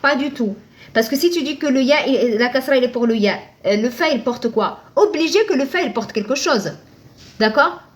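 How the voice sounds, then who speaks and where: High-voiced woman teaching. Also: lively intonation, moderate pace. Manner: patient, asks and answers her own questions, thanks viewers by name. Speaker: Arabic reading teacher. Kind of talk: live online lesson.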